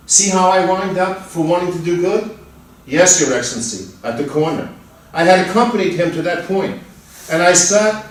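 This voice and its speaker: Reading the part of a pleading accused murderer in a play, a man with a fairly high voice bursts out in emphatic, drawn-out pleas. This dramatic stage reading happens in a large indoor room at a college festival, recorded far from the mic in an echoey hall.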